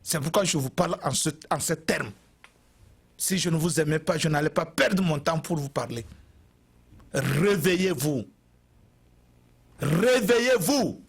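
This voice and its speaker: A man's voice: fairly high pitch, normal speed, slightly rough. A man from Togo, giving an impassioned TV address and repeating phrases for emphasis. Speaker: TV commentator.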